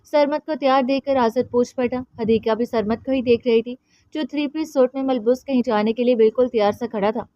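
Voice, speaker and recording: A woman narrating an audiobook novel in a steady storytelling manner. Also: on the high side, a little fast, no room sound, dull audio.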